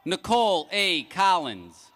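A man reading graduates' names one by one at an outdoor commencement, in a measured, formal announcing cadence over a public address system. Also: high voice, big pitch swings, sharp tone, a faint crowd. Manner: measured, announcing each name with a rising then falling cadence. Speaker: commencement name reader. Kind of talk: formal ceremonial name reading. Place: large outdoor graduation ceremony.

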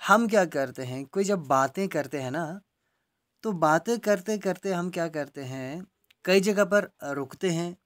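Pitched fairly high, the man leading this exam-prep grammar lesson slips English phrases into his explanations. He checks in with "right?" a lot and drops to a much slower pace to read the example sentences aloud.

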